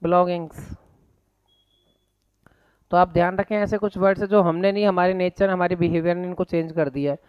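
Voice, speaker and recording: Indian-accented male teacher, classroom lecture, smooth voice, slightly dull lo-fi sound, quizzing students. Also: sits high, steady tone, fairly quick, long pauses. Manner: drills students with repeated questions; mixes Hindi and English. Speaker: English teacher.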